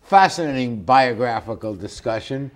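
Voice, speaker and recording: A man hosting a talk show interview, relaxed and folksy, with hesitant fillers. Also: medium pitch, normal speed. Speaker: host. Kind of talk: casual interview chat.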